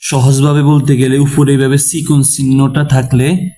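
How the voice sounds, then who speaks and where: A man teaching Quran recitation step by step. He spells out each syllable, explains the rule behind it, then chants the verse with long drawn-out vowels. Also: mid-range voice, flat delivery, dark tone. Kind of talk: slow step-by-step recitation lesson.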